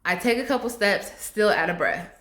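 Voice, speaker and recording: A young woman telling a storytime vlog, animated and laughing often as she acts out her own panic. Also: mid-range voice, normal speed, echoey room. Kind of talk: casual storytime.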